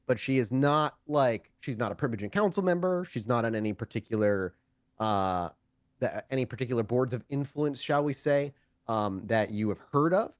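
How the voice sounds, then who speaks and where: Narrating a tabletop roleplaying session, a medium-pitched male storyteller improvises conversationally, stopping and starting and often revising what he says. The sound is clean, studio-grade, and free of echo.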